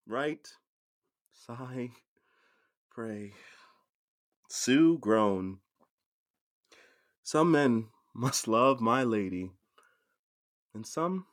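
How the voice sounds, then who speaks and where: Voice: mid-range voice, sharp tone, heavily acted. A performer playing a witty young lord in a Shakespeare comedy, declaiming grandly and laughing at himself. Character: witty young lord, lovesick and self-mocking. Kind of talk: Shakespeare stage acting.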